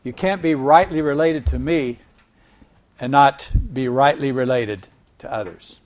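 Man preaching a measured sermon. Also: medium pitch, a little mellow. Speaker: pastor.

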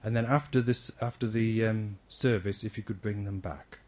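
A man giving a lively children's talk in church, acting out his points with big shouts and questions. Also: lowish voice, moderate pace. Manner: animated, acts out shouting for help.

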